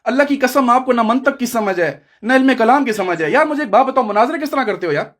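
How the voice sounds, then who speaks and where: A man's voice: very high voice, animated, fairly bright tone. A man in a heated online debate, combative and lecturing, often talking over his opponent.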